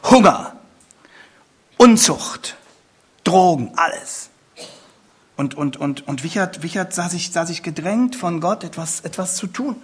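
Bright-voiced, emphatic male preacher. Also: high-pitched. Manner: emphatic, repeats words, rises to forceful appeals. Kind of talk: sermon.

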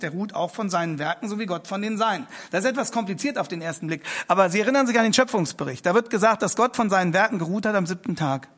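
A man preaching a sermon to a seated congregation, emphatic, repeating key phrases and slowing down for quoted verses. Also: high-pitched.

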